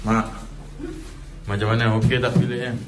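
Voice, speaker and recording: A man's voice: mid-range voice, level tone, moderate pace. A young Malaysian man casually vlogging a family road trip, filming himself on a phone at arm's length. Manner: chatty, guiding the viewer on a family road trip. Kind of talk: casual travel vlog. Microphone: phone camera held at arm's length. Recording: loud music bed under the voice.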